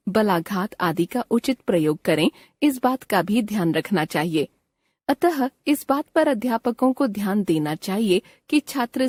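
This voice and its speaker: Slow, even-voiced woman reading a textbook. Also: medium pitch, dry recording, studio quality. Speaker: reader of a grammar textbook.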